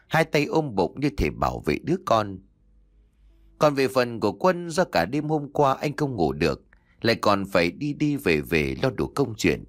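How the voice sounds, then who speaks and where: A man narrating an audio story in a dramatic, expressive storytelling manner. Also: medium pitch, no echo, clean studio sound. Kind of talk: scripted narration.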